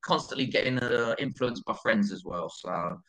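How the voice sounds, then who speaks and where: A man's voice: medium pitch, normal speed, fairly bright tone, rough recording. A middle-aged man with an Essex accent, chatting casually as an interview guest, rambling and repeating his phrases as he goes. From Essex, England.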